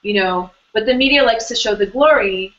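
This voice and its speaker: In a relaxed, interview-style online hangout, a woman with a mid-range voice talks at a normal pace, rambling chattily with plenty of fillers and restarts. The sound is dull and low-fidelity, typical of web-call audio.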